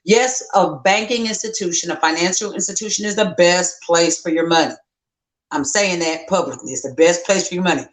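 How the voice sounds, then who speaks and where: A woman in her fifties, co-hosting a podcast in casual, folksy, self-deprecating chat with drawn-out phrasing. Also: fairly low pitch. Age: 50s. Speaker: podcast co-host. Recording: roomy echo.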